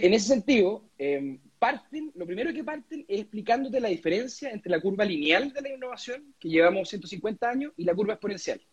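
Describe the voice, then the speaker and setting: A young Chilean man with a high, slightly husky voice answers interview questions in earnest, often stumbling and repeating words as he builds his point. The recording sounds dull and lo-fi. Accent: Chilean Spanish. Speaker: lawyer and constituent assembly candidate being interviewed.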